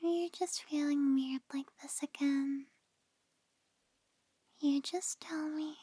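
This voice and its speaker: A tender girlfriend played by a woman in an ASMR role-play, right in the listener's ear. Her voice is soft and mellow, very unhurried, in a dry, intimate space. She soothes and reassures like a partner easing someone to sleep. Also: high voice, no room sound. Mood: tender, reassuring. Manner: slow, gentle, soothing. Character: tender, reassuring female partner lulling a loved one to sleep.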